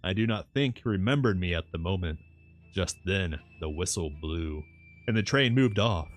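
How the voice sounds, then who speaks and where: A man's voice: deep voice, lively intonation, moderate pace. A man reading a novel aloud as a streamer, narrating it and dropping in casual asides. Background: faint background music.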